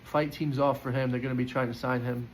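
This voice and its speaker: A man's voice: mid-range voice, little pitch movement, fairly quick, slight background noise, poor audio. A man giving casual, opinionated football player ratings in a chatty way, with frequent fillers and restarts. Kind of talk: casual post-match reaction.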